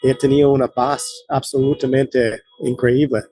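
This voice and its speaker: A man in his late forties from the United States speaks as an interview guest. He talks haltingly, often restarting a phrase and reaching for words. His voice is mellow and the sound is dry and close. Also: mid-range voice, level tone, slightly rough, dry recording. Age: late 40s. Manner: halting, many restarts and fillers. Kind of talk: conversational interview.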